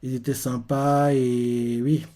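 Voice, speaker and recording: A man's voice: medium pitch, level tone, slow, dark tone. A man casually retelling manga chapters and reacting to them, talking in loose rambles full of fillers.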